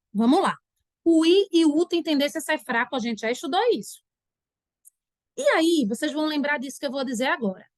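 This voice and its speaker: A woman teaches an online grammar class. Her high voice swings widely in pitch as she acts out her students' questions. The sound is dry and close, with no room echo.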